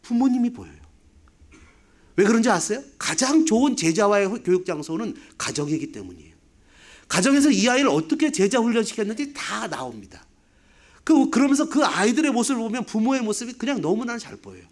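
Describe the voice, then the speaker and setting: A man's voice: high-pitched, very animated, brisk. A man in his fifties, a pastor, preaching a sermon with rhetorical questions and humorous asides. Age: 50s.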